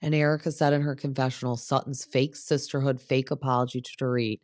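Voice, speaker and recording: A woman's voice: a bass voice, flat delivery, brisk, darkish tone, no room sound, clean studio sound. Chatty woman recapping reality TV. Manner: chatty and opinionated, full of "like" fillers. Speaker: podcast host.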